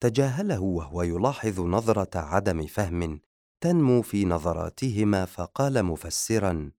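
A man narrating an audiobook in a steady, measured reading. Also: low-pitched, dry recording, studio quality. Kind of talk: scripted narration.

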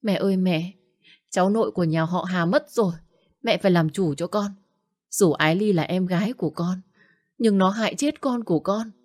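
A woman's voice: lowish voice, normal speed, darkish tone, close to an everyday voice. A woman voicing a scheming young woman who fakes a miscarriage, pleading in a raised, whiny voice.

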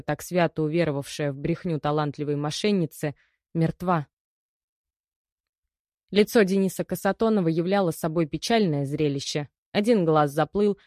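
Brief: woman audiobook narrator, low voice, dry close sound, measured. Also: a little mellow, no room sound. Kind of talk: scripted narration.

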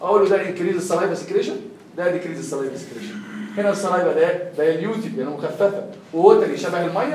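A man's voice: high voice, darkish tone, a little hiss or hum. A young man with an Egyptian accent tutoring a class, quizzing the students with constant questions in a classroom lecture. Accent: Egyptian Arabic. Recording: echoey room, heard from far off.

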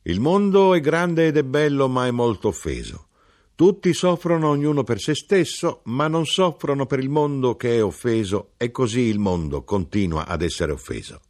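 A man's voice: mid-range voice, animated, moderate pace, darkish tone, voice pushed up, natural voice. A man voicing a small, sorrowful old hermit who writes about the world's pain, speaking solemnly in an audiobook. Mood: solemn lament. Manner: solemn, grieving, preaching. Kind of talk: audiobook reading.

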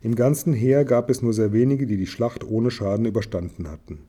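A man reading a novel aloud in a calm, even storytelling manner. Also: mid-range voice, brisk, breathy edge. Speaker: audiobook reader.

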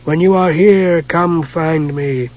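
A man voicing a menacing old male archmage with a dry, rasping voice, soft and slow. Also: a little high, highs cut off, voice pushed up. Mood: cold.

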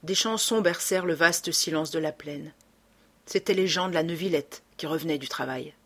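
A woman narrating an audiobook with a dramatic, expressive reading. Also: low-pitched, normal speed, husky.

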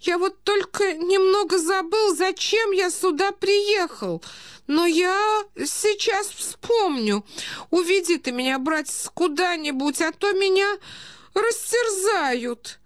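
A woman's voice: very high voice, lively intonation, no echo, clean studio sound, pitched above the performer's own voice, heavily acted. A woman doing a doddering old prince. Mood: plaintive. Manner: meandering, plaintive, drawn-out phrases. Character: doddering old male prince, forgetful and fussy.

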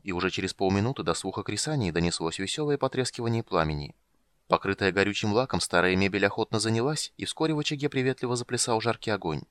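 A man narrating an audiobook in a steady, even reading voice. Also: sits low, dry recording. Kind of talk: scripted narration.

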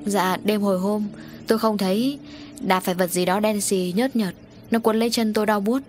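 A woman's voice: mid-range voice, fairly even intonation, normal speed, darkish tone, slight background noise, natural voice. A woman voicing a frightened, injured male dock worker who speaks in a trembling, hesitant way, in an audio story.

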